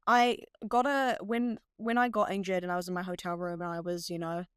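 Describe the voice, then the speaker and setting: Upbeat New Zealand woman, lower voice. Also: brisk, smooth, no echo, clean studio sound. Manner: upbeat, animated storytelling with frequent "you know". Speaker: guest, professional cricketer. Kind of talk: casual interview chat.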